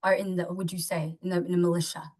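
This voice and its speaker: A woman's voice: lowish voice, flat delivery, fast talker, a little mellow. A woman from Somalia hosting an interview, asking questions in a rambling, searching way, full of "like" and "you know". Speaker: podcast host. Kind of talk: conversational interview.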